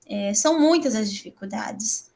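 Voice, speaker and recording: A woman with a Brazilian accent, a middle-aged English teacher giving a chatty, animated training talk to other teachers, filling pauses with "né". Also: gravelly. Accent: Brazilian Portuguese. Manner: chatty, fills with frequent "né"; animated, laughs and jumps up in pitch.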